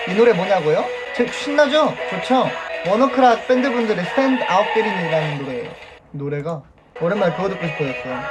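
A young man in his twenties hosting a casual live stream, reading viewer comments aloud in a playful way and laughing often. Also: high-pitched. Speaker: idol band member hosting a solo live stream. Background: music playing.

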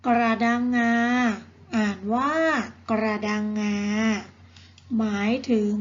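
A woman teacher reading vocabulary words slowly and carefully to children, saying each word twice. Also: on the high side, highs cut off. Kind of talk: slow vocabulary lesson for children.

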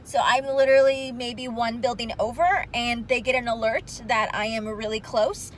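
A woman's voice: fairly high pitch, level tone, moderate pace, a little hiss or hum. A woman in her thirties vlogging casually into a phone camera at arm's length, chatty and upbeat with plenty of ums, first at home and then in her car. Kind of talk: casual vlog walkthrough.

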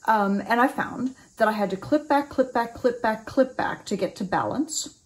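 In this instructional video, a woman in her forties teaches oboe reed making from a small room at home. She explains thoughtfully, with frequent ums, and her slightly high voice is animated and moves at a normal speed.

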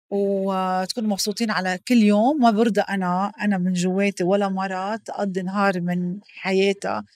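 Hosting a laid-back podcast, a woman with a Lebanese accent speaks with heartfelt emphasis in a mid-range voice and weaves in English phrases. The recording is studio quality, with no audible room.

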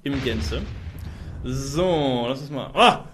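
A young man streaming and commenting live on a video game, expressive, often tripping over repeated words. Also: mid-range voice, takes it slowly, background noise. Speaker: let's-play streamer.

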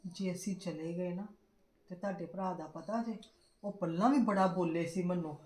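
A woman's voice: lowish voice, normal speed, a little mellow, roomy sound, lightly acted. A woman acting as a fretful mother in a family drama, pleading with her sister-in-law. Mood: anxious. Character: anxious, pleading mother of a married daughter.

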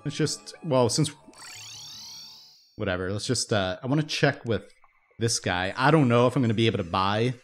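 This is a young man talking through a video game, casual and upbeat, often stopping to correct himself mid-sentence. His voice is slightly hoarse, as if he's losing it. Soft game music plays quietly beneath him. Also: mid-range voice, animated, normal speed, pauses often. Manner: rambling, self-interrupting, upbeat. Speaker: gaming YouTuber. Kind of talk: casual let's-play commentary. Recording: faint game music behind.

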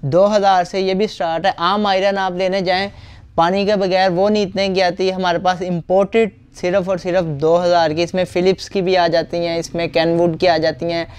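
A Pakistani shopkeeper speaks in a notably high male voice with a clear, resonant tone. He delivers an eager teleshopping-style pitch, presenting products and stressing how cheap they are. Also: little pitch movement, moderate pace. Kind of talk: spoken sales pitch. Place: inside a busy homeware shop. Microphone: clip-on lapel mic.

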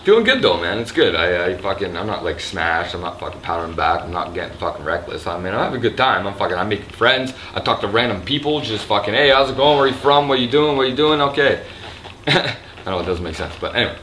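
A slightly drunk man with a raspy throat, rambling and swearing loosely in a casual vlog, filmed on a handheld camera in a resort hotel room. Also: low voice, very animated, fast talker, bright, forceful tone, slight background noise. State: a little drunk. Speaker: vlogger. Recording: echoey room with faint ambience.

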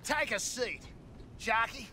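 An actor playing a cocky, crude antihero who trades sarcastic quips in a video game. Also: male voice, very high-pitched, expressive, slow, sharp tone, slight background noise, heavily acted.

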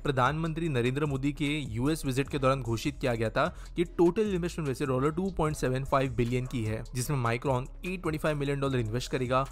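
Male voice-over, calm scripted news narration, mid-pitched, steady informative delivery. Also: quick pace, hardly any pauses. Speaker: narrator of a news explainer video.

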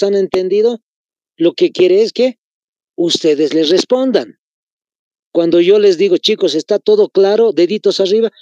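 A man's voice: sits high, a little mellow, no echo, muffled recording. A man with a Bolivian Spanish accent teaching an online class. He explains patiently, repeats key phrases and calls his students chicos.

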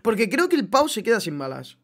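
Against a noisy background, a young Spaniard with a high voice reacts rapidly to gameplay footage, his pitch swinging wildly. He's a YouTuber giving excited commentary, laughing, exclaiming and cursing in a Spanish accent.

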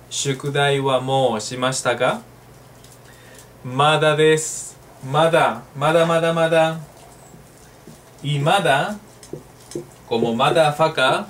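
A man from Spain teaching a casual online Japanese lesson, joking and chatty, often adding quick tag questions. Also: medium pitch, fairly bright tone. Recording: voice a bit far from the mic, faint room noise.

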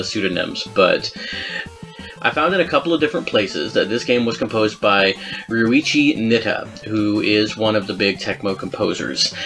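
A man hosting a podcast about video game music in a casual, chatty way, self-mocking and quick to laugh. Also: lowish voice, fairly bright tone. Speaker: podcast host.

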